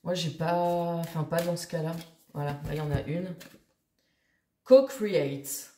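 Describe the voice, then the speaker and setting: Woman vlogger, low-ish voice, chatty and rambling; roomy echo. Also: a little slow, mellow, a little hiss or hum. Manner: chatty, rambling, many fillers and restarts. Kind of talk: casual chat to camera.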